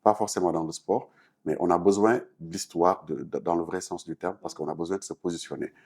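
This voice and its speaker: The man's voice is deep, husky and darkish, with fairly even intonation and a slightly fast delivery. He is a Senegalese artist and activist on a talk show, earnestly explaining his answers to interview questions in French-speaking West African style with a Senegalese accent.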